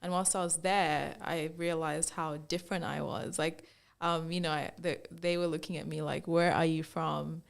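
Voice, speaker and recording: Speaking in a low voice with vocal fry, a young fashion-brand founder from Zambia recounts her journey during a casual interview. She keeps a moderate pace with barely any pauses, peppering her lively telling with "like" and performing the lines she quotes.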